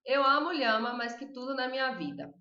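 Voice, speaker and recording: Bright-voiced Brazilian teacher, echoey room. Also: female voice, high voice, very animated. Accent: Brazilian Portuguese. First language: Portuguese. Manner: chatty, repeats words slowly for students to copy. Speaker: Spanish teacher. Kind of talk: live online lesson, reading chat questions. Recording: echoey room, dull lo-fi sound.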